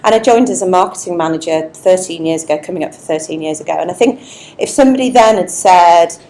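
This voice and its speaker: A chief executive from Leeds, England, talks fast through her career story, chatty and self-deprecating, during an on-stage interview at an indoor networking event. Her fairly low voice is a little mellow, picked up by a wireless microphone with poor audio.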